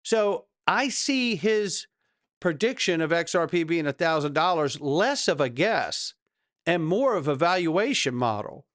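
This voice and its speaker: A man's voice: a little high, very animated, unhurried, a bit bright, dry recording, clean studio sound. A man hosting a cryptocurrency show with crypto bro hype, addressing viewers emphatically and throwing rhetorical questions at them. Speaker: host of a cryptocurrency news show. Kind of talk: hype-driven market commentary to viewers.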